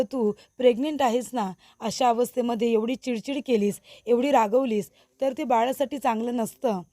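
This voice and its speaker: A woman's voice: a little high, a little mellow, no echo, clean studio sound, close to an everyday voice. A woman voicing a scheming mother-in-law who pleads sweetly and plays innocent. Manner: pleading, sugary.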